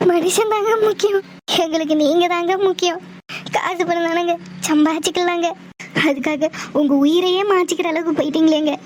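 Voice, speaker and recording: An anguished young wife in a cartoon pleads with her husband, voiced by a woman. The voice is very high, with faint noise behind it.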